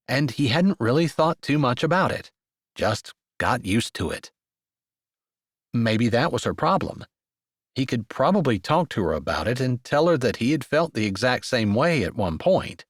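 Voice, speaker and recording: A male narrator reads a romance novel with a lively, swinging melody. His storytelling is expressive and steady in pitch range. The close studio mic sounds dry, with no room at all. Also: no echo. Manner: expressive, rising and falling storytelling. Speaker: audiobook narrator. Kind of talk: scripted romance audiobook narration.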